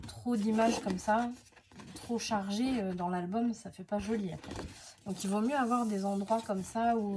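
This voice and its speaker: Woman, casual unboxing chat, hesitant with fillers, medium pitch, faint background noise. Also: mellow. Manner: chatty and hesitant, many fillers and self-corrections. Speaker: scrapbooking crafter presenting her channel.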